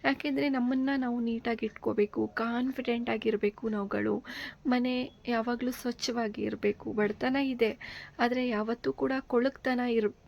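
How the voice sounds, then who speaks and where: A woman's voice: a little high, fairly even intonation, moderate pace, gravelly, muffled recording. A woman hosting a channel, giving casual household advice in a chatty way, with frequent fillers and checks for agreement.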